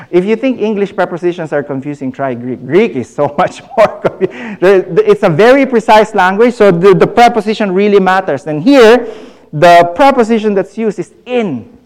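High-pitched Filipino man preaching in Taglish mix. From Philippines. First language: Tagalog. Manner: English with some Tagalog mixed in (Taglish); repeats key phrases, asks the listeners questions. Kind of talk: sermon to a congregation.

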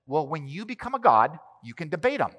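In a church sanctuary with the long reverb of a large hall, a pastor preaches to his congregation in a slightly high, very animated, brisk, somewhat bright voice. His delivery is conversational, and he frequently checks in with his listeners.

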